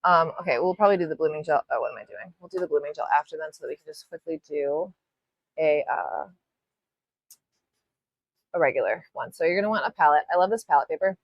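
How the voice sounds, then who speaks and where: A woman's voice: sits low, expressive, fast, no echo, muffled recording. A woman hosting a live nail art tutorial, chatting casually as she works, rambling, apologizing and swearing a little. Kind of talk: live-stream tutorial chat.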